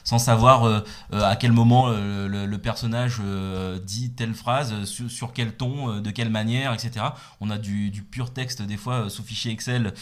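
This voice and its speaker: Halting man in casual podcast talk. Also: fairly low pitch, fairly even intonation. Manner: halting, repeats words and fillers. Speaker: podcast co-host. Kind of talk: casual chat.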